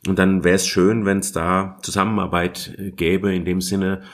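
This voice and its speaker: A man's voice: low voice, level tone, moderate pace. A man answering as a guest from industry, thinking aloud and restarting phrases as he searches for the right word. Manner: thoughtful, restarts phrases while searching for words. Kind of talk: conversational interview answer.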